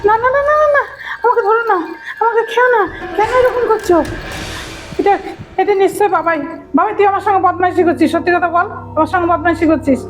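A woman's voice: fast talker, faint music behind. A woman playing a frightened mother who pleads and cries out over and over. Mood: terrified. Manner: shrill, repeated pleading cries. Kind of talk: comic horror skit acting.

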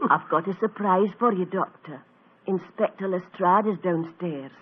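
A woman's voice: fairly low pitch, moderate pace, slightly rough. An actress playing Mrs. Hudson, a fussing, motherly older landlady who teases, in a 1940s radio drama. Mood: teasing. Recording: tinny old radio broadcast.

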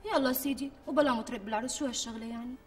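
A woman plays a pampered young pregnant wife with a Damascene accent, always pressing for more. Her voice sits high and races along. It sounds taken from some distance, with faint music underneath. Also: natural voice. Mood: coaxing. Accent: Syrian, Damascene. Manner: wheedling, quick to take offence. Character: pampered young pregnant bride, demanding and coaxing. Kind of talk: TV sketch acting.

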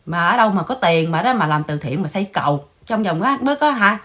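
On her casual livestream, a female channel host chats away and mocks others in a scolding, gossipy tone. Her pitch is fairly low and slightly bright, and she talks fast and expressively.

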